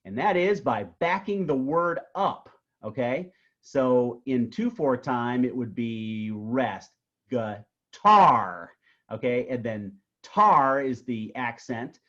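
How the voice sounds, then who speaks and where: A male instructor talks through a music theory lesson in a casual, explanatory way, checking in with "okay?" after nearly every point. His voice sits at an ordinary pitch. The audio is a bit dull and lo-fi. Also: a bit bright. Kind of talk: recorded tutorial lecture.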